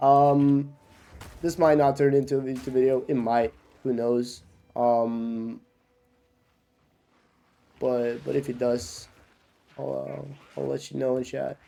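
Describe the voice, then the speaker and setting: Pausing often and talking slowly, a young man from Norway who's sick with a cough chats with his stream audience while playing, filling gaps with fillers and restarts. His medium-pitched voice is flat, creaky, and mellow.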